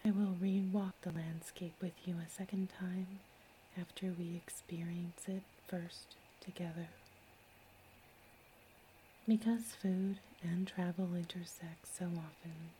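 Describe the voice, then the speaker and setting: A woman host whispering a calm, slow sleep story, close to the mic. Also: fairly low pitch, slight background noise, low-quality recording.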